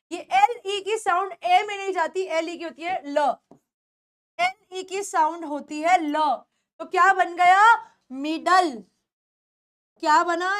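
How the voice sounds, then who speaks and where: A woman whose first language is Hindi teaches English pronunciation at a slow, deliberate pace. Her voice sits high, and she repeats each word several times and checks in with her pupils using short questions. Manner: repeats words slowly, asks pupils questions. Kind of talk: classroom-style lesson.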